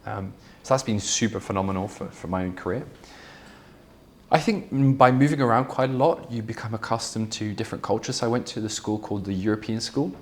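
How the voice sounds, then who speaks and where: This Belgian startup founder, a native Flemish speaker, talks a little fast in his low male voice. Guesting on an interview, he answers conversationally, candid and fluent but full of fillers and restarts.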